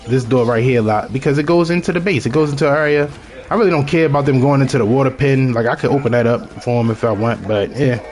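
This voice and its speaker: Man, Baltimore accent, casual gameplay commentary, rambling and chatty, talks to viewers as y'all, mid-pitched voice. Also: quick pace, darkish tone. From Baltimore, Maryland. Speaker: gamer narrating his own gameplay.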